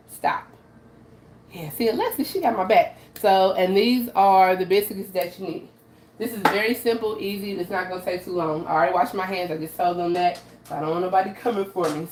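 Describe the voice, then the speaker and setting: Chatty and casual, a home-kitchen cooking streamer keeps checking in with her viewers using "okay?" during a live demo. Allergies leave her medium-pitched, darkish voice raspy. She handles the camera by hand, and the audio carries a roomy echo plus faint background noise.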